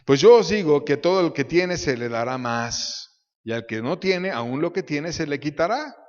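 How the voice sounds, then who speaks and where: A pastor preaching a sermon, swinging between loud emphatic bursts and quiet low asides, sometimes acting out voices. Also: male voice, animated, normal speed. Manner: acts out quoted voices in his preaching. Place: church. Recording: echoey church hall, dull lo-fi sound.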